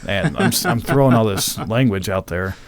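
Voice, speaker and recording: A man's voice: fairly low pitch, normal speed. A man co-hosting a casual podcast, rambling, swearing freely and laughing at his own confusion. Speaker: podcast co-host.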